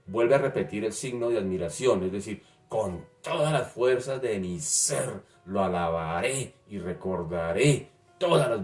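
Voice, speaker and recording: Low-voiced man preaching in a roomy hall. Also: a little mellow. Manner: emphatic, repeats phrases for stress. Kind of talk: sermon. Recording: roomy, distant mic, faint music.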